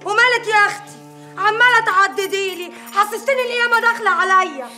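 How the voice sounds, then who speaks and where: A woman's voice: very high-pitched, fast, pushed and bright, faint music behind, heavily acted. An actress playing a domineering village woman in an Egyptian TV drama, scolding and mocking in an Egyptian Arabic accent. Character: domineering village woman mistress, sharp-tongued.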